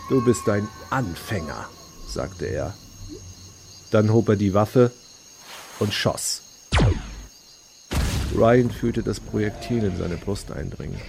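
A man narrating a science fiction story in a measured, dramatic way. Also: fairly low pitch, gravelly, noisy background. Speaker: audiobook narrator. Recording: read over loud background music.

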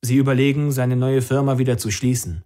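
A man's voice: mid-range voice, little pitch movement, fairly quick, dark tone, lightly acted. A man voicing a stern, disapproving middle-aged father in an audiobook, speaking bluntly in a lecturing tone. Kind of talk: audiobook character reading.

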